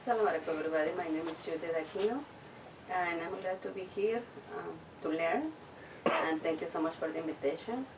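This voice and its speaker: Woman, convert introducing herself; very low, gravelly voice, distant mic in a noisy room. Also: fast talker. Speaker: convert attending a Q&A. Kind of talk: self-introduction.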